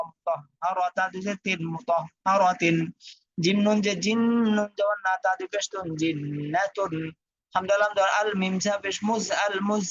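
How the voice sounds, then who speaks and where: A man teaching Quran reading, spelling out letters and vowel marks in a steady chant and then reading each whole word. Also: high voice. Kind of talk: spelling-out recitation lesson. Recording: dull dry lo-fi audio.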